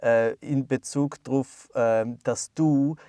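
A man's voice: medium pitch, steady tone, takes it slowly, warm tone, no echo. A man with a Swiss German accent co-hosting a podcast, talking in playful, rambling banter full of hesitations and fillers. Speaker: podcast co-host. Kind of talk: casual banter.

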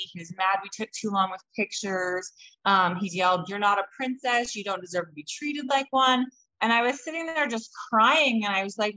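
A Utah woman appearing as a podcast guest tells her own story candidly and reflectively, saying um often. Her voice is mid-range and a bit bright, though the audio is dull.

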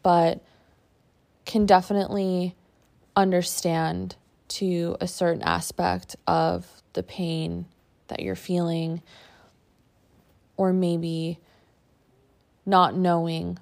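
A woman podcast host and coach giving a reflective personal monologue in short, halting phrases. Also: fairly low pitch, creaky, a little mellow.

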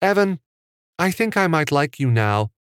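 A man's voice: unhurried, clear, resonant tone, no room sound, studio quality. A man voicing an earnest, cheerful young boy in an audiobook. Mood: happy. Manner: excited, high childlike voice. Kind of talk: audiobook character voice.

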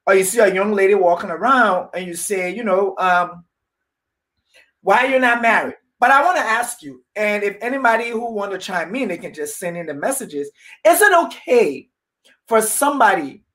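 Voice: mid-range voice, expressive, moderate pace, fairly bright tone. Casual podcast host; loose, searching questions. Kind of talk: casual interview chat.

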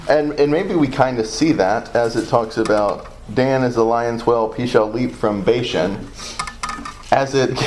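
A man's voice: mid-range voice, a little mellow, slight background noise, low-quality recording. A man with a Southern US accent leading a Bible study, thinking aloud in a loose, hesitant way as he reads and discusses scripture.

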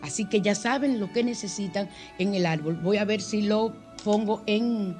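A woman's voice: mid-range voice, normal speed, darkish tone, soft background music. Older woman hosting a radio show. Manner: affectionate, emotional, chatty. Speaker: radio host. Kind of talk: spiritual radio call-in show.

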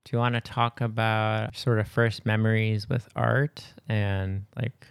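A man co-hosting a podcast, reading a long list in a flat, steady way and chatting casually. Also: lowish voice, unhurried, vocal fry, smooth. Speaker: podcast co-host. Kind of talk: reading a bio list, then casual chat.

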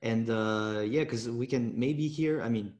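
Host, male, mid pitch; friendly interviewer, halting, lots of fillers. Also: a little mellow. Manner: halting, filler-heavy questions. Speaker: podcast host. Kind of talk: podcast interview.

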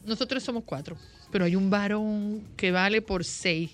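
A woman's voice: mid-range voice, moderate pace, soft background music. A middle-aged woman from the Dominican Republic, a mother, chatting casually as co-host and telling stories about her upbringing in a reflective way. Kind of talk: casual chat.

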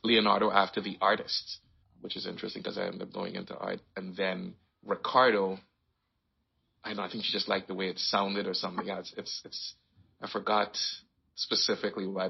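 Very low gravelly male guest voice. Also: brisk, muffled recording. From Trinidad and Tobago. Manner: relaxed, rambling storytelling with restarts. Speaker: interview guest. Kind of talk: casual conversation.

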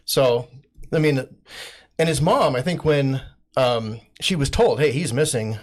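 A man's voice: mid-range voice, a little slow. A man in a group podcast chat, hesitant and restarting often as he retells a story. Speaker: podcast co-host.

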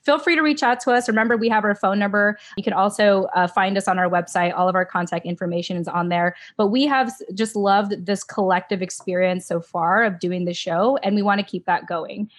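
A woman's voice: medium pitch, steady tone, fairly quick, hardly any pauses. Woman co-host, bubbly and chatty, laughs easily, casual podcast talk over a video call. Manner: bubbly, laughs often, uses "like" a lot. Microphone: remote video call.

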